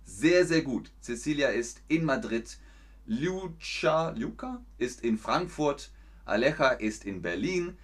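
A man teaching German in a live stream, reading out viewers' chat messages and praising them, with slow, simple phrasing that repeats sentences for learners. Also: mid-range voice, expressive. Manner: encouraging, frequent praise.

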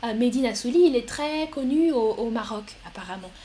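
Slow, clear woman hosting a live chat. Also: on the high side, animated, mellow, slight background noise. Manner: speaks slowly and clearly, reading viewer comments aloud. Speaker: livestream host. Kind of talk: live stream chat with viewers.

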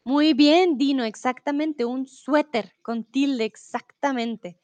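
A woman's voice: sits high, darkish tone, no echo. A woman teaching a live online class, patiently reading out riddles and answering students' chat replies. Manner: patient, switches between Spanish, English and German to explain; reads riddles slowly and deliberately. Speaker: Spanish teacher.

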